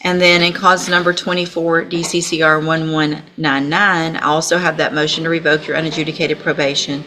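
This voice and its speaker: American woman, low voice, courtroom judge, formal procedural delivery, explanatory, noisy recording. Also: level tone, brisk, pushed and bright. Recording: noisy courtroom audio with clicks.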